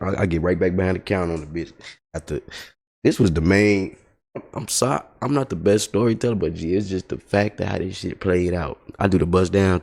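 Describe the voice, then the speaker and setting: Give me a man with a deep, gravelly voice telling an animated, profane story on stream. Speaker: livestreamer. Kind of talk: casual storytelling rant. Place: home streaming setup.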